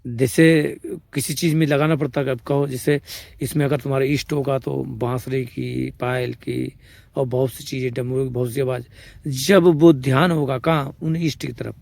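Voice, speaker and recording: This man's mid-range voice is steady, creaky and a little mellow, moving at a normal speed in a dry recording. He speaks Hindi with a Braj-region accent, teaching informally on spiritual matters, patiently repeating points and asking "samajh rahe hain?" to confirm people are keeping up.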